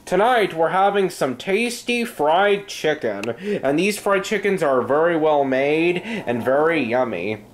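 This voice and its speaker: Slow, lively-pitched amateur narrator. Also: slight background noise. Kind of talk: fan-made video narration and parent voices.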